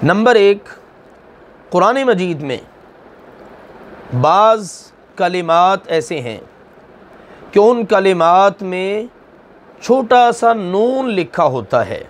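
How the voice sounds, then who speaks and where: A male teacher with a notably high voice gives a tajweed lesson at an unhurried pace. He poses questions and answers them himself, and stretches out each recited example syllable by syllable. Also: very animated. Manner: slow, deliberate explaining, asking and answering his own questions. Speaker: Quran teacher.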